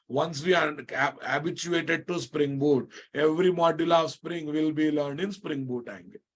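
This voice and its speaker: An Indian-accented man teaches a live online technical class in a slightly high voice. He repeats key phrases and regularly checks that his students are following. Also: steady tone, normal speed. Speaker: programming instructor.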